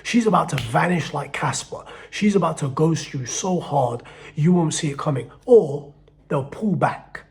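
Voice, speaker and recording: A man giving blunt, profane dating advice in a casual monologue, swinging between loud emphasis and low muttering. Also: animated, unhurried, vocal fry.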